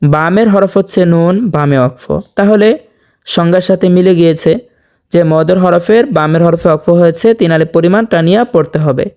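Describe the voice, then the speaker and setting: Guy teaching quran recitation, smooth resonant voice, talks fast then chants verses real slow. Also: a little high, a little mellow. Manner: explains rules briskly, then draws out verses in slow melodic chant.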